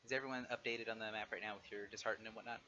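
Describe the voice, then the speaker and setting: A man running an online tabletop game as game master, explaining and narrating in a halting way. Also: on the low side, steady tone, sharp tone. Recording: dull audio with faint noise.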